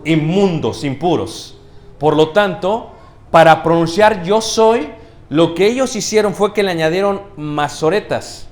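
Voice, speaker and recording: A man's voice: high voice, animated. A preacher checking in with his congregation. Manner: checks in with the congregation, asking questions and saying "¿ok?"; slow, stressed delivery of key words. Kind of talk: teaching sermon. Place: church.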